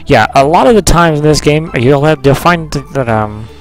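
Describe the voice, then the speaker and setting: A man's voice: fairly high pitch, lively intonation, moderate pace. A man giving casual, rambling, joking commentary as he plays a video game. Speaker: let's player. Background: video game music.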